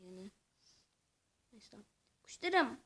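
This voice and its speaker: A high-pitched woman narrating her own gameplay for viewers in a lively, excitable way. She talks straight to the audience, then drops into muttered and whispered asides to herself between bursts of chatter. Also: slow, breathy edge. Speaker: gaming channel host. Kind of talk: let's-play commentary.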